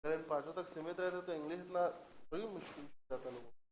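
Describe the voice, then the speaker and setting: A man teaching English grammar in a classroom, who dictates example sentences slowly and keeps asking the class if it is clear. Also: fairly high pitch, roomy sound, slight background noise, rough recording.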